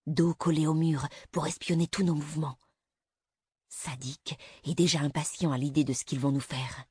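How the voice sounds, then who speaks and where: A woman's voice: deep voice, fairly even intonation, darkish tone, breathy edge, no room sound. Woman playing a paranoid menacing mother. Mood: hushed menacing. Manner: slow muttering menace.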